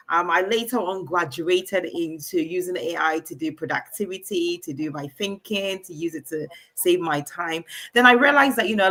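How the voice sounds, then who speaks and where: A woman coaching entrepreneurs on AI over a video call, talking in a halting way with many fillers and restarts. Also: fairly low pitch, fairly bright tone.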